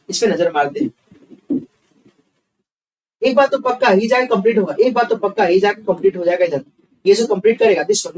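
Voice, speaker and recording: A man teaches a reasoning class. His voice sits high, and he talks fast as he counts through the sums aloud, asking his students questions and answering them himself. He sounds a little distant from the microphone. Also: darkish tone. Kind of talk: online exam-prep class.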